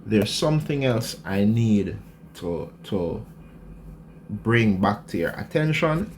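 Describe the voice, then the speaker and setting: A man's voice: fairly low pitch, big pitch swings, slight background noise. A man teaching a lecture, explaining a diagram step by step and checking in with the class often. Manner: unhurried, checks in with "right?" often.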